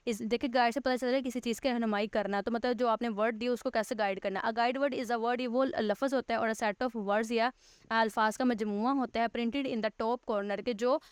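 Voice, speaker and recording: A woman teacher, giving a recorded grammar lesson. She reads English text slowly, then patiently explains it step by step, rephrasing points. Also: a little high, fairly even intonation, smooth, dry recording, clean studio sound.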